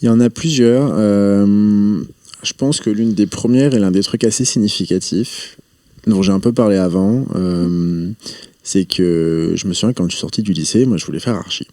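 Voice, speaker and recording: A man's voice: lowish voice, moderate pace, dark tone, dry recording, studio quality. A man talking as a podcast guest about his path as an entrepreneur, reflective and rambling with frequent hesitations. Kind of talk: casual interview talk.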